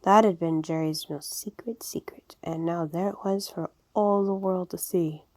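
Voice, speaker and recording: Woman reading a kids storybook out loud, gentle and expressive, mellow voice, dry close sound. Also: on the low side, moderate pace, no room sound. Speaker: audiobook reader.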